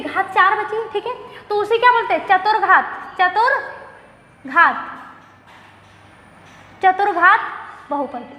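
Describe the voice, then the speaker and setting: A woman's voice: very high voice, sharp tone. A woman teaching a maths lesson who asks questions, answers them herself and repeats key terms. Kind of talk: classroom lecture. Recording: echoey room with faint noise.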